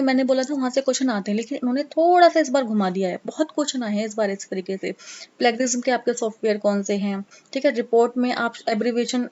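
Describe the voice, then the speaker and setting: A woman's voice: a little high, darkish tone. A woman teaching an exam prep lesson in a casual, coaxing way, mixing English terms into her talk. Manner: chatty, coaxing, teasing students; mixes English terms into Hindi. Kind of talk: casual Hindi lecture. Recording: dull lo-fi sound.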